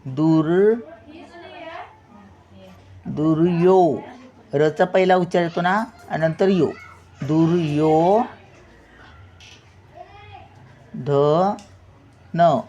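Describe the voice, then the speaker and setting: A woman's voice: fairly low pitch, slow pace, pauses often, mellow, muffled recording. An older woman teaching a spelling lesson, patiently sounding words out syllable by syllable.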